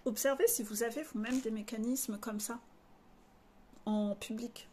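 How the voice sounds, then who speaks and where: A woman's voice: on the high side, fairly even intonation, a little slow, warm tone, a little hiss or hum. A woman coach from northern France, speaking frankly and confidingly to her followers, with blunt slang mixed into her talk. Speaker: life coach. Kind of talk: candid personal monologue to followers.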